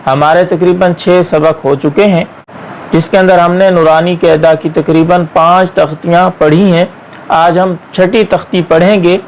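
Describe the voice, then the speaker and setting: High-pitched man teaching slow recitation. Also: fairly even intonation, slight background noise, rough recording. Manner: patient, drawn-out syllable-by-syllable spelling. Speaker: Quran reading teacher. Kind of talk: slow step-by-step recitation lesson.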